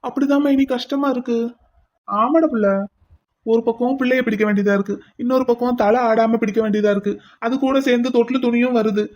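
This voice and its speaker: A woman's voice: on the high side, steady tone, fairly quick, darkish tone, lightly acted. A woman voicing a young uncle in a cartoon, cooing and doting clumsily over a baby. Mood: sheepish. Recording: dull lo-fi audio.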